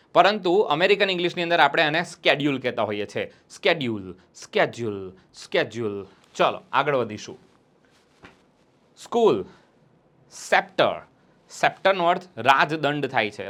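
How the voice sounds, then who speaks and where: A man teaching an English grammar lesson, repeating words slowly and explaining step by step to students. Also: mid-range voice, fairly bright tone. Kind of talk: classroom-style grammar lesson.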